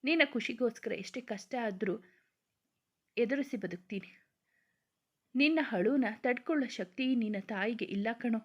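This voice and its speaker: A woman's voice: on the high side, moderate pace, pauses often, lightly acted. A woman voicing a loving mother who soothes and pleads with her grieving son in a storybook reading. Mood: tender. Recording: dull lo-fi recording.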